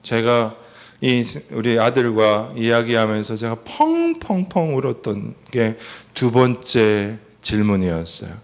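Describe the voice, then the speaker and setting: A man's voice: medium pitch, expressive, a little slow. A middle-aged man giving a family seminar lecture, telling personal stories with animation and putting questions to the audience.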